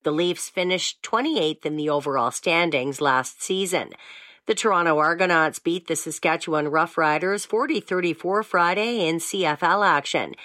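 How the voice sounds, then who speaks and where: A woman reading scripted news bulletins in a crisp, even delivery. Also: sits low, no room sound, clean studio sound. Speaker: newsreader.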